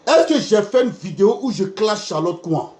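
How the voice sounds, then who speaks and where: A man's voice: high-pitched, very animated, normal speed, a little mellow. A man hosting a live stream, talking in a heated, insistent way. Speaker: live video host. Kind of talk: live social media stream. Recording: echoey room.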